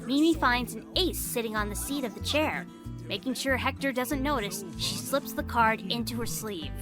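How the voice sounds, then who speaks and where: Music backs a woman narrating a spooky fantasy audio drama in a natural, slightly high voice at a moderate pace. She tells the story in a dramatic, scripted manner.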